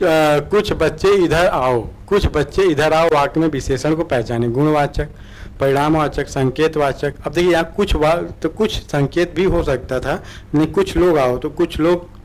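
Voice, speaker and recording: A man teaching an online exam-prep lesson, asking questions and answering them himself, repeating key words and often correcting himself. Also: on the high side. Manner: explains by asking and answering his own questions.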